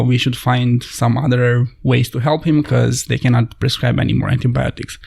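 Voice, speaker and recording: A man's voice: medium pitch, vocal fry, darkish tone. A man from Romania, a podcast guest telling his story thoughtfully in slightly phrasing. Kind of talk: conversational podcast interview.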